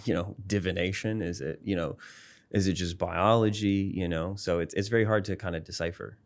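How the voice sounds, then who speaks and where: A man with a very low voice talks through ideas as a guest in a casual interview. He is thoughtful and circles back on himself, full of fillers and restarts. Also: fairly even intonation, brisk. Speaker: psychology professor and musician, interview guest. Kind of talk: casual explanatory interview talk.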